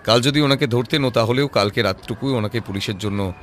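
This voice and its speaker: In an audio drama with background music, a man plays a sharp-witted private detective in a natural, mid-range voice. Measured and composed, he patiently lays out his reasoning and presses with rhetorical questions, sounding firm and challenging.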